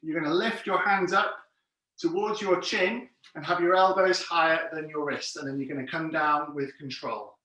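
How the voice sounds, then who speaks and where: Male exercise instructor, higher-pitched, encouraging and clear with cues and counts, heard from a distance in a heavily echoing room. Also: steady tone, normal speed, sharp tone. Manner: encouraging, plain step-by-step cueing. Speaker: fitness class instructor. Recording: very echoey room, distant mic.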